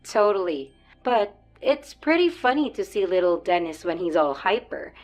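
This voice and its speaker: A woman's voice: medium pitch, big pitch swings, normal speed, soft background music, lightly acted. A woman playing a chatty teen babysitter. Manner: casual, chatty. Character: cheerful young babysitter girlfriend.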